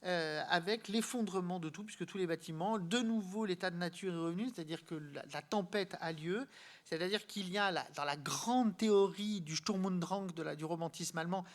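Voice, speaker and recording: A man giving a live art history lecture, explaining to his audience directly, halting and searching for words with frequent repeats. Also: sits high.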